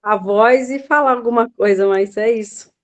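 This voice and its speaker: Slightly high-voiced woman, relaxed and brief. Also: normal speed. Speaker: book club participant.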